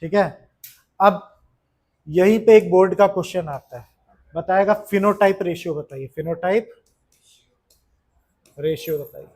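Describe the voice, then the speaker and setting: Man teaching a classroom lesson, high voice, chatty, keeps asking questions.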